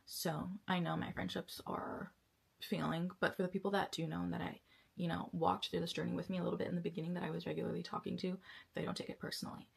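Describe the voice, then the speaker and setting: Young woman, casual confessional vlog, tired, low voice, husky, chatty with soft whispery stretches. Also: flat delivery. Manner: chatty, drawn-out and weary, drifting into soft whispers. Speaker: vlogger and actress.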